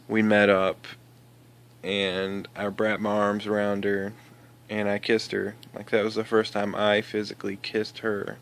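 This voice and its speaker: A man with a lowish, fairly flat voice talks through a story from his own life. He rambles and restarts a lot, filling the gaps with "you know" and "I was like." It sounds like loose, unscripted vlog talk. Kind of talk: casual personal storytelling.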